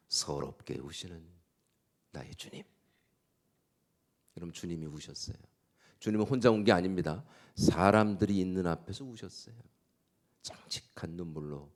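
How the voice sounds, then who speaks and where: A male pastor preaching a sermon, earnestly addressing the congregation and often dropping to a hushed, whispered plea. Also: deep voice.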